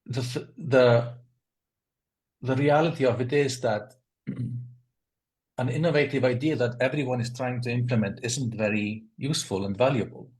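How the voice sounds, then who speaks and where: A man from Iceland, speaking as a panelist in a webinar discussion and talking in a thoughtful way while he searches for the right words. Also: mid-range voice.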